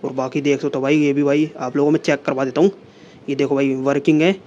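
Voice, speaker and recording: Over slight background noise and dull audio, a young adult man speaks quickly in a mid-range, mellow, flat voice. He vlogs casually to his phone camera, starting in a small room and ending up at a seller's home, repeating the same fillers constantly.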